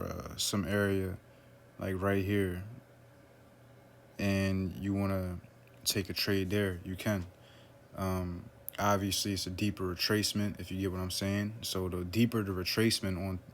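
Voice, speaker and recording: A man analyzes a forex chart during a relaxed screen-share walkthrough, often stopping on "um" and "right?". He speaks in a low, monotone way with barely any variation in pitch. Faint humming noise runs in the background.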